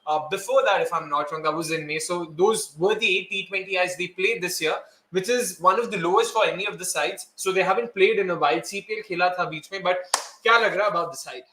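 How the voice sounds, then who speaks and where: Indian guy hosting cricket chat, talks super fast, bright voice, roomy echo. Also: high voice. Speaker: host of a cricket preview show. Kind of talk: casual sports chat, mixing Hindi and English. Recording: roomy echo, faint background noise.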